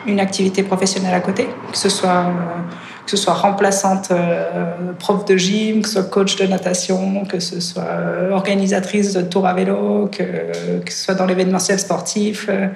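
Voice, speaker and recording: A woman's voice: mid-range voice, little pitch movement, moderate pace, gravelly, darkish tone. A woman in her thirties from Switzerland, a podcast guest speaking modestly with many hesitations and fillers. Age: 30s. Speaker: guest triathlete. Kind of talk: podcast interview. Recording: echoey room with faint noise.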